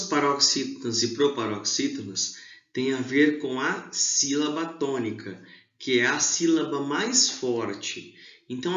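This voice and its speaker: A male teacher giving an exam review lesson to schoolchildren, explaining slowly and stressing key syllables. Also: medium pitch, fairly bright tone. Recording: echoey room, dull lo-fi sound.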